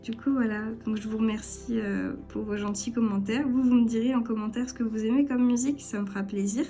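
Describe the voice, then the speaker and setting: A woman's voice: on the high side, fairly even intonation, a little fast. A young woman chatting casually to camera at home as a vlogger, giggly and self-deprecating. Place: at home, at a table. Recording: faint music underneath. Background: soft background music.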